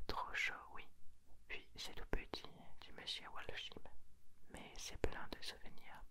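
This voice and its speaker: Slow, close whispered literary reading. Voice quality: close, breathy, unvoiced whisper. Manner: slow, deliberate literary storytelling. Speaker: ASMR reader.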